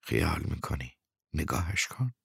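A man's voice: rumbling low, sing-song, gravelly, a bit bright, slightly rough, dry recording, clean studio sound, exaggerated voice. A man reading an audiobook, voicing a blunt, sarcastic man who sneers at others. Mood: scornful.

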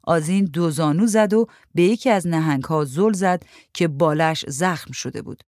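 A woman narrating a short story in a measured, even reading. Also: low-pitched, no echo, clean studio sound.

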